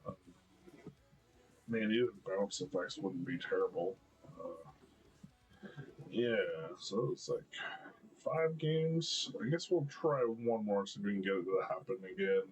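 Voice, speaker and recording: A man with a deep, low voice giving casual gameplay commentary, talking quietly and mumbling as he thinks aloud. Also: animated, unhurried, pauses often, breathy edge, muffled recording.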